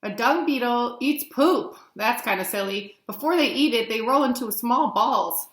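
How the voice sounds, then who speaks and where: A teacher in her thirties, speaking at a moderate pace in a slightly high voice, reads aloud to young children and asks them simple questions. Her read-along lesson uses plain explanations, frequent questions and stressed letter names and key words. The sound comes through a webcam with a roomy echo, inside a small room with plain walls.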